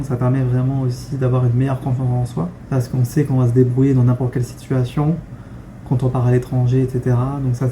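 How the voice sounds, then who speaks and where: A young Frenchman records a casual talking-head vlog, chatting to camera with easy frankness and frequent fillers and restarts. He has a mid-range, very dark, mellow voice with fairly level intonation, and a faint hum of background noise is audible.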